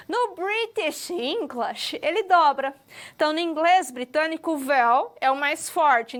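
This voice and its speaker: Woman, high voice, patient explaining, recorded lecture. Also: a bit bright. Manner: patient, drawn-out explaining, often checks understanding with "ok?". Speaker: English teacher.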